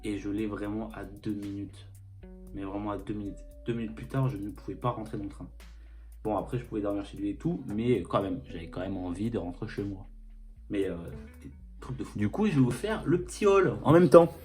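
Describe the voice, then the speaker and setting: A man's voice: on the low side, fairly even intonation, brisk, darkish tone, faint music behind. A young man from France telling a story and showing a clothing haul, crude and joking, filming himself on a phone indoors. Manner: crude, joking, rambling with fillers. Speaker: vlogger. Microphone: phone camera.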